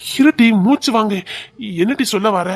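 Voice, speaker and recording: A man's voice: high voice, moderate pace, no echo. A man with a Tirunelveli Tamil accent, playing a caring young village man who teases affectionately. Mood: concerned. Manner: affectionate, teasing, easygoing. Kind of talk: web series drama acting.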